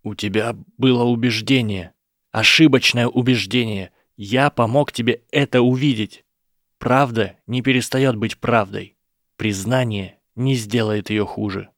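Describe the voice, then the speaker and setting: A man voicing an earnest boy wizard who explains things in a measured, persuasive way. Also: medium pitch, fairly even intonation, fairly bright tone, no echo, studio quality. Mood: apologetic pleading. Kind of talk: audiobook character voice.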